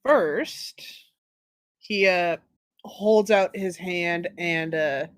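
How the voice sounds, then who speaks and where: A game master narrates a tabletop adventure at an unhurried pace. The delivery is hesitant and improvised, with stumbles along the way, and the sound is dry. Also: mid-range voice, no echo. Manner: hesitant, stumbling over words.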